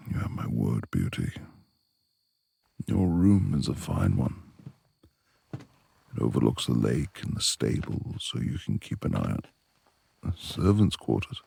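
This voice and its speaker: Here the same reclusive, beast-like lord of a romantic ASMR roleplay speaks with an extremely low, dark, gravelly and husky voice, his lines formal and antiquated. Proud, polite and hot-tempered, he is fully in character, with no room sound in the recording. His mood turns gentle and apologetic.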